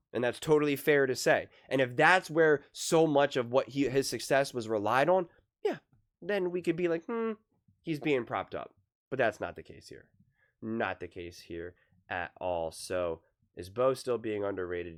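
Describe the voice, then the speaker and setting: Excitable rambling sports vlogger man. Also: lowish voice. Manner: excitable, rambling, repeats himself. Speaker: sports commentary YouTuber. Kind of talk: solo sports opinion vlog.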